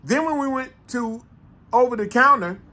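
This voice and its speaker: A man with a St. in a casual, animated monologue, making his points with repeated rhetorical questions. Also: very high voice, moderate pace. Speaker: vlogger.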